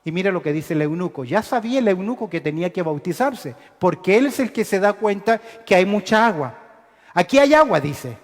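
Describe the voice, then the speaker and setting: A male pastor with a notably high voice preaches in an emphatic, teaching way. He keeps pausing on rhetorical questions for the congregation to finish. His voice rings through a church hall with a long reverb tail. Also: lively intonation. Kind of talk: sermon. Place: church sanctuary with baptistery.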